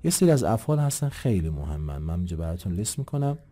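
A low-pitched man giving a grammar lesson. His voice is dark and mellow but swings widely in pitch as he explains. He addresses his listeners politely, posing questions and answering them. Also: sing-song. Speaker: English teacher.

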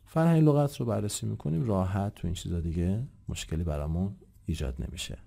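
A man gives an English grammar lesson, explaining patiently and addressing listeners in a polite, formal way, asking rhetorical questions and answering them himself. His voice is low, creaky, and dark in tone.

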